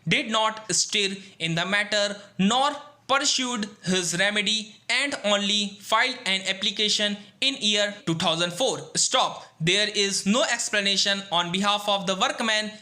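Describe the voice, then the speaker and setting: High, bright Indian man dictating. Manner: dictating in measured phrases, calling out punctuation. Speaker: shorthand dictation reader. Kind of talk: dictating formal legal text for shorthand practice.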